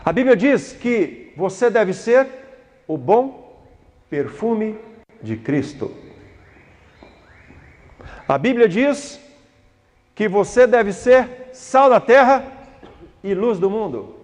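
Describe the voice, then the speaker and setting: High-voiced pastor in a reverberant hall. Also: male voice, expressive, slow, long pauses, a little mellow. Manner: acts out prayers and dialogues, rising to fervent pleading. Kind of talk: sermon.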